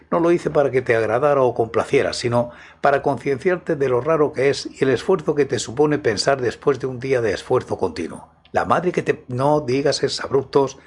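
A man voicing a testy, pedantic man who bickers with his own reflection in a comic scripted dialogue, in a husky voice. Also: medium pitch. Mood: exasperated.

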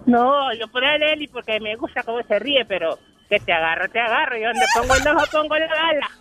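A woman's voice: fairly high pitch, animated, brisk, over music. A Honduran woman in her sixties, missing her front teeth, chatting flirtatiously and playfully as a radio caller. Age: 60s. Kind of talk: playful casual chat.

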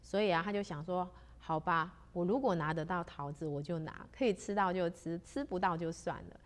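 A woman telling a religious legend in a chatty way, drawing out her sentence-end particles. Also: lowish voice. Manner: chatty, with many drawn-out particles. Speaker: storyteller. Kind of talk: spoken storytelling of a religious legend.

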